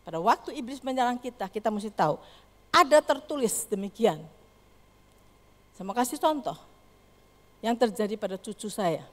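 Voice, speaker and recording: An older woman preaching a sermon, telling a story with animated, acted-out voices. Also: a little high, moderate pace, long pauses. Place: church hall. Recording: long hall reverb.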